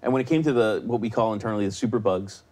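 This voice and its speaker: A man with a somewhat low voice hosts a casual live stream. He rambles through his points, full of fillers and restarts. His tone is loose and conversational. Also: very fast, darkish tone, slight background noise. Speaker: live show host.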